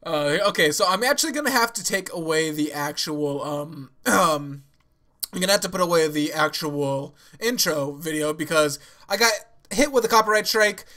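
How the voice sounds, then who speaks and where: Speaking into a headset from his small yellow-walled bedroom, a young man hosting an anime reaction video talks casually to camera. A sore throat and blocked nose dull his otherwise high, bright voice; he's animated at a moderate pace, rambling, laughing and starting sentences over.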